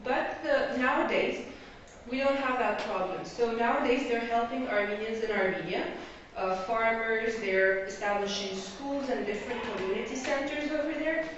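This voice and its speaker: An Egyptian woman gives an academic presentation of her graduate research, explaining things and often pausing to check that listeners follow. Her fairly high voice is picked up by a distant lo-fi mic in a strongly echoing hall, so it sounds dull with a faint hiss.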